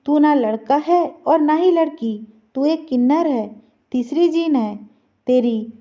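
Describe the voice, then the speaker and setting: A woman voicing a gentle, sorrowful dying mother in a read-aloud story, with a soft, pleading tone. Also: sits high, takes it slowly. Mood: tender. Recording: slightly dull lo-fi recording.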